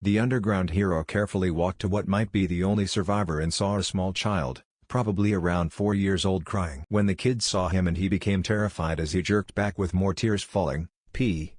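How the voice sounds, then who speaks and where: A man narrating a fan story in an even, unhurried reading voice. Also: sits low, dry recording, clean studio sound. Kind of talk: slow scripted story narration.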